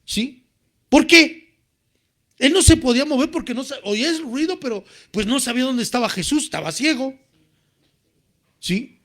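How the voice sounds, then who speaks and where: High-voiced preacher, animated. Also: male voice, moderate pace, long pauses. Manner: animated, rises to shouting when quoting cries. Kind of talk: sermon.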